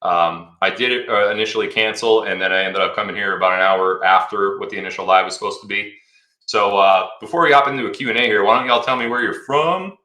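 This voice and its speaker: A man's voice: on the low side, fast, pushed and bright, roomy sound. A man in his thirties hosting a casual livestream Q&A, rambling and chatty, reading viewer comments aloud. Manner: chatty, rambling, repeats words. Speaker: livestream host.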